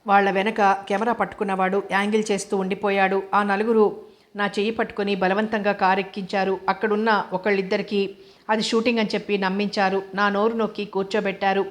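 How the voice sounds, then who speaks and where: A woman reads as a devout young college student, shaken after a scare. She speaks slowly and haltingly in a flat, even tone, like a character in a storybook novel. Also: medium pitch, natural voice.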